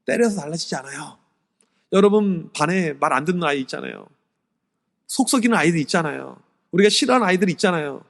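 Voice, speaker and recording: Male pastor, fairly high voice, lively storyteller, church hall reverb, seminar talk to teachers. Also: fast, vocal fry. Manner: animated storytelling, swings from loud to hushed. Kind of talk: sermon-style teacher seminar lecture. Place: church sanctuary.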